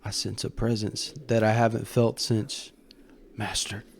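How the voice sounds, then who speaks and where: A man's voice: mid-range voice, expressive, unhurried, dark tone, natural voice. Man acting out a pleading, subservient sci-fi villain. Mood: hushed dread. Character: fallen male sci-fi villain, subservient and pleading with his master.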